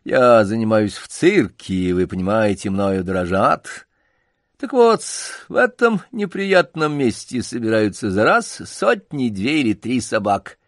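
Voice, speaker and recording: A man voicing a pompous old male circus poodle who lectures slowly with showy pauses. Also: on the low side, sing-song, dry recording, clean studio sound. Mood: lofty, lecturing.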